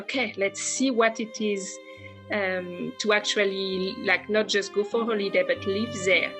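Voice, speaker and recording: A French woman in her thirties with a bright, clear voice tells her story in a relaxed interview. Her English has a French accent, and she speaks with frequent ums, restarts and hesitations. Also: mid-range voice. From France. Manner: hesitant, many fillers and restarts, warm laughs. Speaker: interview guest. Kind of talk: casual conversational interview.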